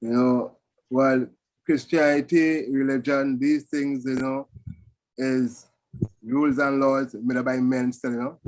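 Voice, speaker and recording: A man's voice: medium pitch, fairly even intonation, a little slow, darkish tone, low-quality recording. Rasta-talking man with a Caribbean accent. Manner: Rasta speech, patois phrasing with repeated "you know" and "still". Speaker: panel speaker. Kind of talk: Rastafari reasoning, casual spoken discourse.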